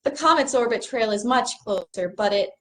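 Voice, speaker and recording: A woman's voice: on the high side, lively intonation, moderate pace, lightly acted. A young woman acting an earnest, bookish stargazer in a stage play reading, a little apologetic as she explains things. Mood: explaining. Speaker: actor in a rehearsed play reading.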